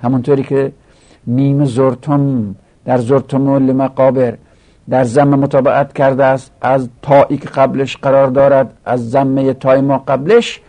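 A man's voice: mid-range voice, little pitch movement, dark tone. A man teaching an Arabic grammar lesson, explaining step by step and repeating each rule.

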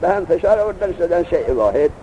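A man's voice: high-pitched, sing-song, mellow, a little hiss or hum. A man teaching a seminary grammar lesson, reciting Arabic text and then explaining it patiently. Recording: dull lo-fi recording.

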